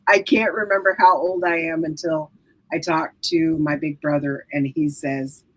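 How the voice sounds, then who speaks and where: A woman's voice: low-pitched, steady tone, normal speed, fairly bright tone, low-quality recording. A woman in her fifties co-hosting, chatting easily and laughing at herself about her age. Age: 50s. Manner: easygoing, self-deprecating. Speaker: co-host. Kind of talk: casual chat.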